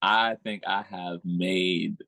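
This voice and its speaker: A man's voice: low-pitched, fairly even intonation, slow pace, gravelly, bright, forceful tone, no room sound. A young man in his twenties, a musical guest talking in a laid-back way in a casual interview and laughing often.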